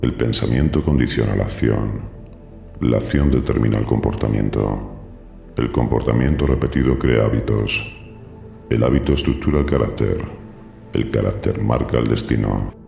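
A man reading quotations aloud in a solemn, gravelly voice. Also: extremely low pitch, moderate pace, warm tone, soft background music, pitched below the performer's own voice, exaggerated voice. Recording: roomy echo.

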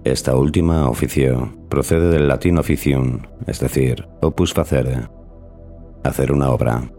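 Deep mellow guy narrating his show, formal, measured. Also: steady tone, faint music behind. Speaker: podcast host. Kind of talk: scripted narration.

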